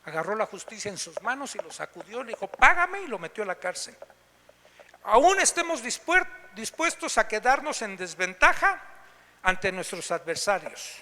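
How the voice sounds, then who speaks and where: A man preaches, telling stories and tossing rhetorical questions to the congregation. His voice sits very high and sharply bright. A long hall reverb trails behind him. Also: normal speed. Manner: animated storytelling, frequent rhetorical questions. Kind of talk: sermon with storytelling. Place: church meeting room.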